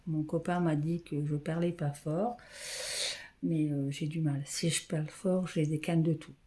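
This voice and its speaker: A woman filming on her phone at home, talking softly and often half-whispering, hesitant and repeating herself as she names colors. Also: low voice, fairly even intonation, a little slow. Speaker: craft vlogger showing thread colors. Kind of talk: casual show-and-tell. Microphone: phone camera.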